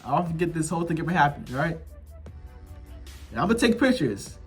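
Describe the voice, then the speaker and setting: Wary middle-aged truck driver thinking it over out loud, slow and careful, kinda husky, as a guy quotes him. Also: on the high side, sing-song, faint music behind, heavily acted.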